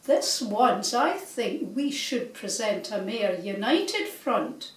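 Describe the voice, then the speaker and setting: A woman's voice: medium pitch, big pitch swings, slow pace. A woman voicing a fearful, fussy male swan with a Scottish accent and an indignant, quivering manner. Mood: fretful. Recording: roomy, from a distance.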